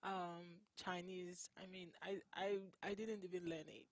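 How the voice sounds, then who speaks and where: A young adult college basketball player from Nigeria, whose first language is Igbo, answers interview questions earnestly and unhurriedly in a Nigerian accent, laughing often. Her voice is fairly low with a flat delivery.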